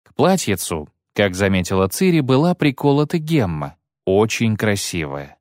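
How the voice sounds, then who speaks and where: A man reading an audiobook with expressive narration. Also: fairly low pitch, moderate pace, no echo, studio quality. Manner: expressive storytelling. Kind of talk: scripted narration.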